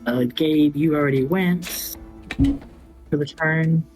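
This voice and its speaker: A man narrating a tabletop role-playing game as game master, in a casual, halting way. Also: a little high, darkish tone. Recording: faint music behind the voice. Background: music.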